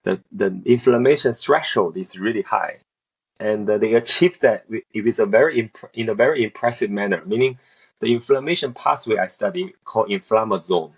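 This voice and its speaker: On a muffled recording, a man's lowish, creaky, husky voice moves briskly. He's in his thirties, South Korean by origin and Beijing-raised, an assistant professor doing research, and his interview answers stumble along with frequent fillers and restarts.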